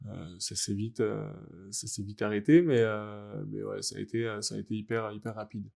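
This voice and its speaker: A young adult French man, a guest athlete in a casual interview, talking in a halting, reflective way as he searches for words. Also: lowish voice, fairly even intonation, gravelly, darkish tone. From France. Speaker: guest, wheelchair rugby athlete.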